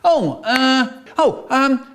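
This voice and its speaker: A man voicing a fussy, flustered male school inspector who repeats himself in a high, fretful voice. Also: lively intonation, drawn-out words, fairly bright tone, exaggerated voice.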